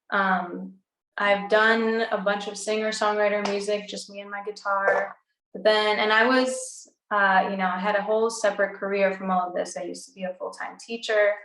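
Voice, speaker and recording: Recorded in an echoey room, a bubbly young woman from the United States, a native Greek speaker and recording artist, chats casually in an interview. Her mid-range voice is a bit bright, and she peppers her speech with "um" and "like".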